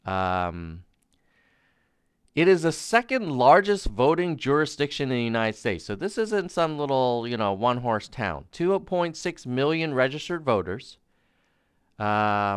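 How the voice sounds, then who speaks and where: A man's voice: medium pitch, very animated, normal speed, clean tone, dry recording, studio quality. A man giving live-stream political commentary, reading documents aloud in an emphatic, sarcastic, incredulous debunking manner, repeating key phrases.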